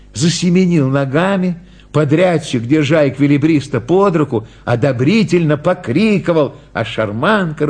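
Slow, lively male storyteller. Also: mid-range voice, breathy edge. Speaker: narrator. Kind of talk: storybook reading.

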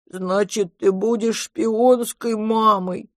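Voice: medium pitch, fairly even intonation, slow, no echo, clean studio sound, voice pushed up, close to an everyday voice. A reader voicing a huge, clingy monster child who talks in a tearful, pleading, childlike way in an audiobook. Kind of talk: audiobook character reading.

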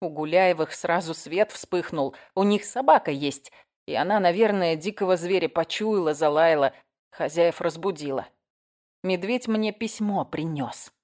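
A woman's voice: fairly low pitch, unhurried, a little mellow, natural voice. A woman reading an audiobook, voicing a frightened woman who whines and pleads for help. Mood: scared. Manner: whining, anxious, breathless.

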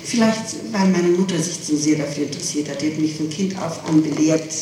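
A woman being questioned as a witness answers defensively and insistently, often repeating herself, in a deep voice at a slightly fast pace. The recording is noisy archival tape, distant and very echoey.

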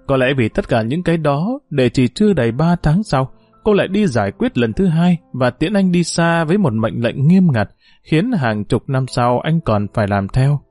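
Man narrating a story with lively pitch. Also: moderate pace, no room sound, faint music behind.

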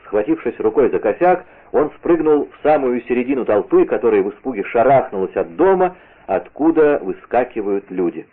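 A man narrating an adventure novel in a vivid, theatrical reading. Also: medium pitch. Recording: tinny lo-fi radio broadcast.

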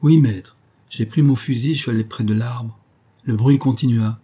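A man's voice: mid-range voice, moderate pace, warm tone, breathy edge, lightly acted. A man voicing a sturdy, resolute male miner telling a grave tale in a muffled voice.

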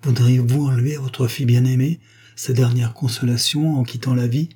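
A frail dying girl from a read-aloud novel, her voice faint and worn, sometimes sinking to a whisper, as a male narrator puts her on. The tone is low and dark, with a husky edge. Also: fairly even intonation, a little fast, lightly acted. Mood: serene. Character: dying young girl, frail, serene, devoted.

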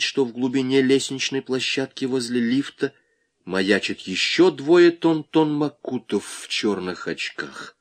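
A man reading a novel aloud as audiobook narration, expressive and lively. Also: on the low side. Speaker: audiobook reader. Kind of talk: scripted narration.

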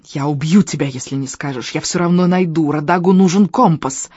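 A reader voicing a hysterical demonic hound in a man's body, with a gurgling, unnaturally high voice that shrieks and chokes on its demands. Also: a little fast, darkish tone, breathy edge, no room sound, lightly acted. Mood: menacing. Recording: dull, dry lo-fi audio.

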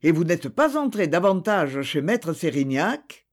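A man's voice: a little high, very animated, a little slow. A man voicing a stern investigating judge who questions in curt, probing sentences. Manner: curt, interrogating.

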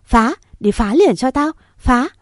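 A woman voicing a furious, domineering older mother-in-law who shouts harsh insults, in a storybook reading. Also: mid-range voice, normal speed, no room sound, clean studio sound, close to an everyday voice.

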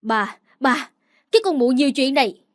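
A woman reading a storybook voicing a brash, defensive young man who talks roughly. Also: high-pitched, moderate pace, no echo, studio quality, lightly acted. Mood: blustering. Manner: rough, blustering.

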